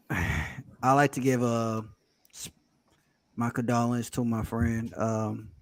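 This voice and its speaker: A man joking and giving shout-outs on a casual sports podcast, laughing often. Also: mid-range voice, takes it slowly, no room sound. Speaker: podcast co-host.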